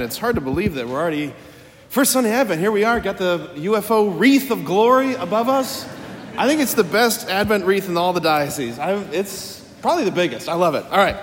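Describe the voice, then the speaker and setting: A man's voice: sits high, a little hiss or hum. A man preaches a conversational sermon in a large church, informal, repeating phrases and checking in with his listeners. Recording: long church reverb.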